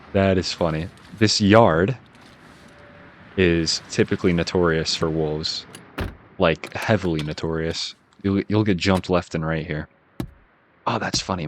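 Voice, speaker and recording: A man with a deep, low voice and a Boston accent talks through a calm gameplay session. He thinks out loud in an easygoing way and laughs lightly at his own slips. A faint hiss sits under the recording. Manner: laid-back, musing aloud, chuckles at himself. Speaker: gaming channel host. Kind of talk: casual relaxed gameplay commentary.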